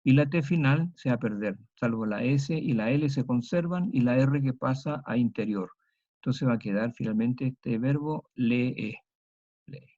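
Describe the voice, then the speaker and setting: A middle-aged man giving a university lecture, working through each example methodically and repeating the key words slowly. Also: medium pitch, mellow, dull audio. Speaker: teacher.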